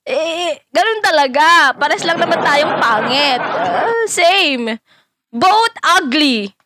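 Woman vlogger, mocking and playful, swinging pitch, laughs loudly, noisy audio. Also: animated, slow pace, a crowd in the background. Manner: switches between Tagalog and broken English. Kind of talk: casual reaction vlog.

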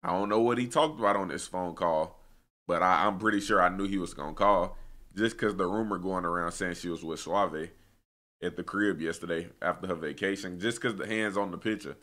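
A young American man hosts a reaction video, his low voice fairly quick and bright in tone. His commentary is casual, slangy, opinionated, and conversational.

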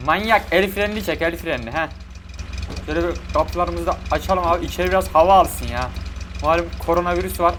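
A man giving chatty, excitable let's-play commentary to his viewers. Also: sits high. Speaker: gaming YouTuber. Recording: game audio and vehicle noise behind.

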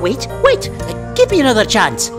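A woman performs a talkative fortune-telling machine from a video game, pitched high with a wildly swooping voice. It chatters in a playful showman's patter. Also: wildly swooping pitch, moderate pace, music in the background. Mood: flustered. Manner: chirpy, teasing salesman patter.

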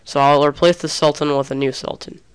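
Talking fairly quickly in a smooth, steady, fairly high voice, a young man runs through a screen-recorded gaming tutorial. He's casual and chatty, restarts often, and sounds slightly sick, his voice a bit off.

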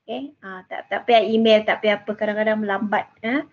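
A woman's voice: mid-range voice, fairly even intonation, quick pace. A middle-aged woman with a Malaysian accent tutoring online in casual Manglish, code-switching with particles like lah and kan and repeating her phrases. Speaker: university lecturer. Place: indoor room with bookshelves, video call. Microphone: headset. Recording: muffled, band-limited video call audio.

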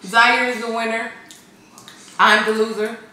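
A woman's voice: a little high, flat delivery, unhurried, pushed and bright. A young woman hosting a food challenge video, chatting casually in short, goading prompts as she eats. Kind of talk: casual chat. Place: dining room indoors. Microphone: camera across the table. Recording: roomy, echoing, distant mic, music behind.

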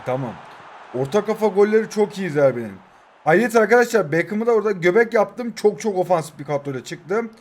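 High-voiced young man calling game plays. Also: expressive, brisk. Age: 20s. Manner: jokey, talks to his players and viewers. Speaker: mobile football game YouTuber. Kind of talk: excited gameplay commentary.

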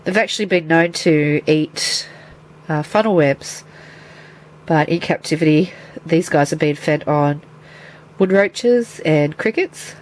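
For a casual show-and-tell vlog, a pet keeper stands by a terrarium at home and shows her animals to a handheld camera, chatting and explaining as she handles them. She has a cold, so her voice is stuffy and nasal, sitting low, slow, and a little mellow. Audio quality is poor.

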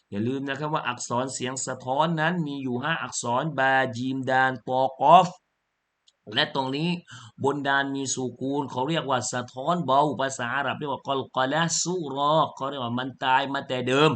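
Bright-voiced man teaching Quran reading. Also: medium pitch. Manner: spells out syllables slowly and corrects pronunciation; chants the verse in a melodic tone. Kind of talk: spelling lesson.

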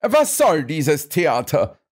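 A man reading an audiobook, voicing a blustering, indignant restaurant owner who protests loudly and huffily. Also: fairly high pitch, lively intonation, unhurried, voice pushed up. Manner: huffy, loud, protesting.

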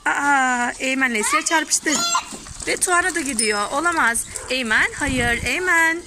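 A woman's voice: sits high, unhurried. A young woman filming her son and his friends on a neighborhood street, playfully narrating and coaxing them with mock-dramatic cries for help. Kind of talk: casual family vlog narration. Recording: noisy outdoor phone recording.

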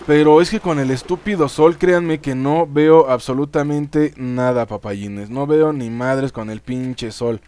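A man's voice: mid-range voice, unhurried, hardly any pauses, dark tone, clean tone. A man with a Mexican accent giving casual let's-play commentary, chatting straight to his viewers and swearing freely. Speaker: gaming YouTuber.

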